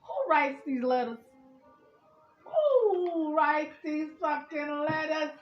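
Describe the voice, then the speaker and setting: A woman's voice: high-pitched, lively intonation, takes it slowly, faint music behind. Woman vlogger, incredulous and profane; roomy, muffled sound. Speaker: vlogger reacting to a radio advice segment. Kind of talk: casual reaction rant. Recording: roomy, slightly dull home recording.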